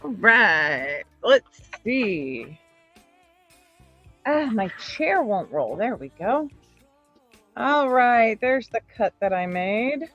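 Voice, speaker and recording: Slow-talking woman hosting a craft sale. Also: on the high side, very animated, a bit bright, muffled recording, faint music behind. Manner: chatty, rambling with fillers. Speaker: online craft sale host. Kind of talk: casual live-stream selling.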